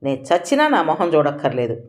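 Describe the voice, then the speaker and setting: A woman's voice: mid-range voice, big pitch swings, normal speed, a little mellow, voice pushed up, lightly acted. A woman reading an audio story, voicing a firm elderly mother who speaks sternly to her son.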